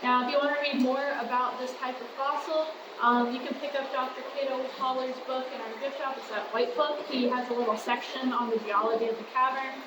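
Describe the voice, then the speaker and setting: A woman's voice: high voice, fairly even intonation, brisk, few pauses. A woman working as a cave tour guide, chatting informally and jokily to a group as she explains and tells stories. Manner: chatty, jokey, addressing a group. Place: inside a cavern. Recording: echoey cave, distant mic, clear background noise.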